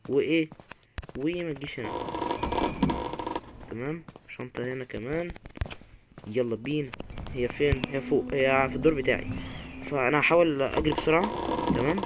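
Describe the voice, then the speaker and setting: A man's voice: medium pitch, brisk, pauses often, very noisy. A man with an Egyptian Arabic accent giving jittery horror game commentary, muttering prayers and letting out sudden scared yelps. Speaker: gaming YouTuber.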